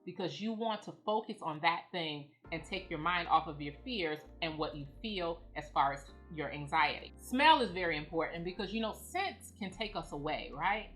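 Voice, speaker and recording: Calm, low-voiced woman guiding a grounding exercise. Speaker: presenter of anxiety grounding techniques. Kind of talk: calm instructional explanation. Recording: music playing behind the voice. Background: background music.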